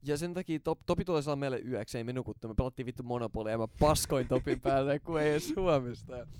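A young man hosting a podcast, telling stories in animated casual chat with sudden loud excited bursts and swearing. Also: mid-range voice, clear, resonant tone. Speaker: podcast host.

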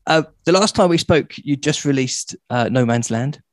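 A man's voice: medium pitch, animated, normal speed, no echo. Enthusiastic male radio interviewer, dry sound. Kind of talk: casual chatty interview.

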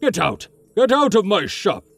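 Man voicing a volatile old shopkeeper, wheedling, high voice, lively swoops. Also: slow, soft background music, heavily acted. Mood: furious. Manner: whispering then booming, high and animated.

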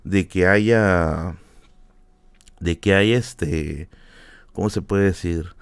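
A young man, hosting a podcast and telling a family story in a casual, animated way, often repeating himself and jumping up in pitch when he quotes people. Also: drawn-out words, clean tone, no echo. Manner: animated, jumps high when quoting people, repeats words, laughs often. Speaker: podcast host.

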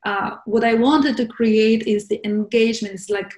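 A woman's voice: a little high, fairly even intonation, moderate pace, darkish tone. A woman from Poland, a guest in a casual interview, talking in a searching way with many fillers and restarts. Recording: echoey room.

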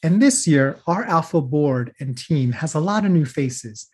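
A man's voice: a little high, lively intonation, unhurried, a little mellow, slightly rough. A man hosting a podcast interview, upbeat and friendly, moving from a scripted intro into casual questions. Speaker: podcast host.

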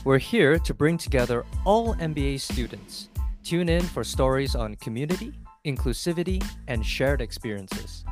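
A man's voice: medium pitch, animated, moderate pace, music in the background. A man co-hosting a student podcast, asking polished, semi-scripted interview questions. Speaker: podcast co-host.

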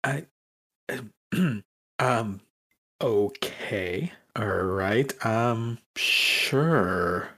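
A slow, stammering player whose voice swings up and down a lot. Talks casually and keeps stopping to restart sentences. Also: mid-range voice, expressive, a bit bright. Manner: halting, stammering, laughs a lot. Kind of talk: casual role-play chat.

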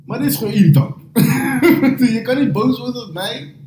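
A young man hosting a casual podcast chat, animated and slang-heavy, laughing often as he tells stories. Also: very high voice, moderate pace. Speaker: podcast host. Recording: roomy echo, faint noise.

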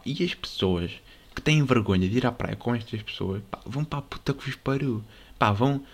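A teenage guy with a European Portuguese accent delivering a crude, swear-filled comic rant full of filler words. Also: medium pitch. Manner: crude, swearing-heavy, rambling with constant filler. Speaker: comedy vlogger.

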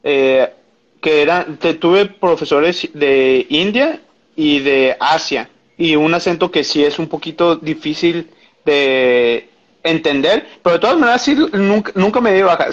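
A man recounting his experience in casual conversation, hesitant with frequent pauses and restarts. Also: on the high side, dull audio. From Mexico. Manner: hesitant, many fillers and restarts.

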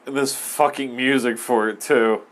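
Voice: medium pitch, fairly even intonation, moderate pace. A speaker chatting casually and crudely while reacting to a movie, cracking jokes. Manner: crude, joking.

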